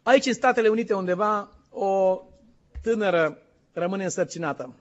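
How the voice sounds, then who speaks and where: A man preaching a sermon as pastor, impassioned and quizzing his congregation. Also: sits high. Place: church in the United States. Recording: dull lo-fi recording.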